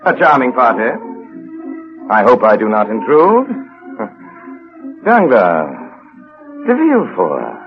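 An actor playing a vengeful, suave and commanding count in a measured, formally polite, theatrical old radio drama style. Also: male voice, medium pitch, huge pitch swings, faint music behind, full character voice. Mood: suavely polite. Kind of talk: 1940s radio acting. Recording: muffled, hissy old radio recording.

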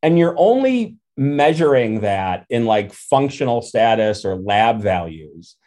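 A man hosting an interview, explaining his points in a measured, thoughtful way. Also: mid-range voice, sing-song, darkish tone. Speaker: podcast host. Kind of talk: conversational interview.

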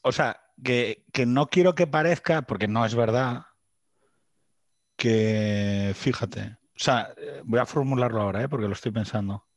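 A man hosts a podcast in relaxed chat, hesitating and restarting as he thinks aloud. His voice sits at an ordinary middle pitch. The recording is dry and close. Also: a little slow, no room sound. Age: young adult to middle-aged, father of three. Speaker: podcast host. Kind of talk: casual chat.

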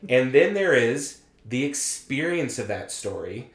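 A man's voice: medium pitch, very animated, unhurried. Enthusiastic rambling man, echoey room. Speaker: podcast guest. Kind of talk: casual chat.

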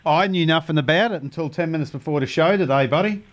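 A man with a North Queensland Australian accent co-hosts an informal radio chat. His voice is a little higher than average and his talk is colloquial. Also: fast talker.

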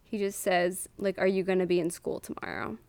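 A woman's voice: on the low side, little pitch movement, brisk, vocal fry, a little mellow, clear, resonant tone, no echo. A young woman co-hosting a casual book-discussion podcast, laughing often and reading passages aloud. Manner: giggly, reads quoted passages aloud. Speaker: podcast co-host.

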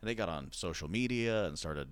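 A man's voice: sits low, lively intonation, a little fast, no echo. A man chatting casually as a podcast co-host, rambling with lots of fillers. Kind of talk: casual chat.

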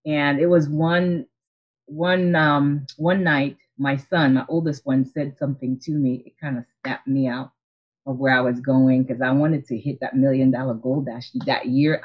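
A woman's voice: low-pitched, measured pace. Earnest woman telling her story, lo-fi. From Haiti. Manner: earnest, reflective, with frequent restarts and soft laughs. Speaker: optometrist and practice owner, guest. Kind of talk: casual interview storytelling. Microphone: video call. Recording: lo-fi video call audio.

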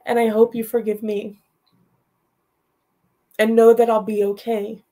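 A woman's voice: on the high side, little pitch movement, a little slow, warm tone. A middle-aged woman telling a personal story as a guest, in a direct and heartfelt way, repeating her phrases. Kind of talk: emotional storytelling.

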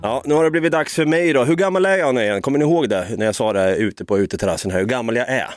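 Lively man in his thirties. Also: mid-range voice, no room sound, studio quality, faint music behind. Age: 30s. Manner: lively, joking reactions. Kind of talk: casual chat.

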